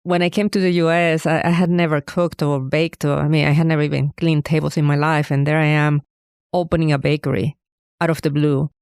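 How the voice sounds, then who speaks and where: Smooth-voiced woman guest. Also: low voice, level tone, brisk, a little mellow, no room sound, clean studio sound. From Venezuela. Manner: earnest, reflective storytelling with small restarts. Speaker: guest, bakery owner. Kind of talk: casual interview answers.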